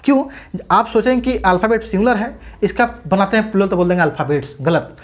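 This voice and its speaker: A woman's voice: mid-range voice, expressive, fast talker. A woman teaching an English grammar lesson for exam students, asking questions and answering them herself, and addressing viewers as brothers and sisters.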